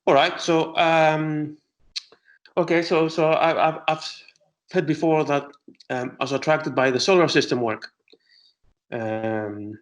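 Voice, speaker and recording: A middle-aged man from Greece, an astronomer answering interview questions with many pauses and restarts. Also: a little high, fairly even intonation, poor audio. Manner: hesitant, many fillers and restarts.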